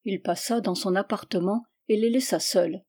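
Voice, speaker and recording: A woman narrating a classic novel as an audiobook in a measured, even way. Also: medium pitch, husky. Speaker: audiobook reader.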